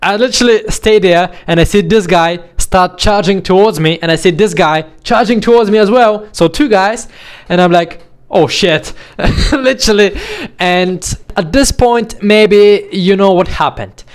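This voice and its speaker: Young man telling a story, slightly high voice. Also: moderate pace, smooth. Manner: animated, acts out the scene with quoted voices. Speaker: vlogger. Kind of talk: casual storytelling to camera.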